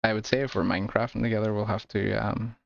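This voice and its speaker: A man with an Irish accent chatting casually with his viewers while streaming a game, relaxed and laughing often. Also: lowish voice, fast, gravelly, highs cut off. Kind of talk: casual gameplay chat with viewers.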